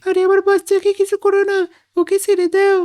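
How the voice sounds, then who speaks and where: A woman's voice: very high voice, completely flat delivery, fast, darkish tone. A woman voicing an anxious, scolding mother in a cartoon. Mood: worried. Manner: scolding, worried. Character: anxious mother and wife, fretful.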